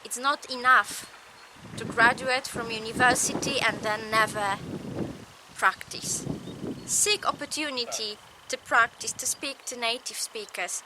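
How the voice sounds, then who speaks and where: A native Polish speaker with a Polish accent gives a recorded lecture in slow, measured, short phrases. Her voice is a little high, and there is background noise.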